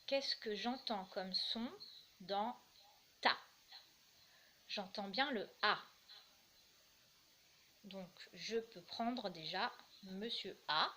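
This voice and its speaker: Slow, patient woman teacher. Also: mid-range voice, bright, forceful tone, slight background noise. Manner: slow, patient, sounds out syllables. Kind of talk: early-reading lesson.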